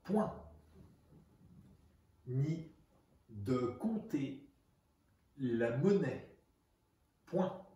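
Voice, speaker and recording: A man reads a dictation at a very slow, deliberate pace, pronouncing each phrase with care and naming the punctuation marks. His voice is mellow and sits a little high. The room is strongly reverberant. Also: big pitch swings, recorded from a distance, lo-fi sound. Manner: slow, deliberate, carefully articulated. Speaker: teacher giving dictation. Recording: very echoey room.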